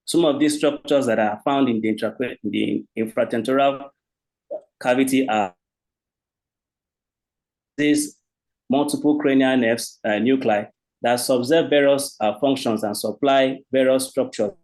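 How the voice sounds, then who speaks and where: A man with a Nigerian accent presenting a medical lecture, formal and halting, restarting his sentences. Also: medium pitch, darkish tone, low-quality recording. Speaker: presenting doctor.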